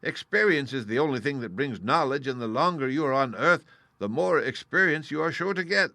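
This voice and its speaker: A man's voice: medium pitch, lively intonation, fairly quick, pushed and bright, no room sound, pitched above the performer's own voice. A man reading aloud and voicing a meek, apologetic humbug wizard who admits he is no magician. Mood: confiding.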